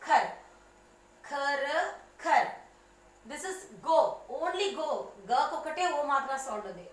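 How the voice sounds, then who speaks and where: A woman's voice: sits high, a little hiss or hum. A female teacher, patiently teaching young children, repeating and spelling words out one by one. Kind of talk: online class lesson. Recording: echoey room, far from mic, faint ambience.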